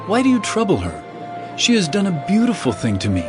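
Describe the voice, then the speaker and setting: An actor playing Jesus as a calm, authoritative male teacher, speaking in an earnest, measured way. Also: high-pitched. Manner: earnest, measured scripture delivery. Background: music score.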